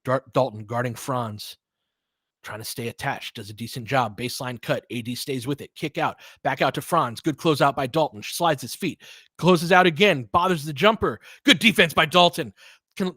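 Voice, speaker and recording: Chatting with his audience, this man breaks down live basketball action like an analytical fan, dropping mild slang as a casual play-by-play host. His mid-range voice moves at normal speed, sounding pushed and bright with no echo.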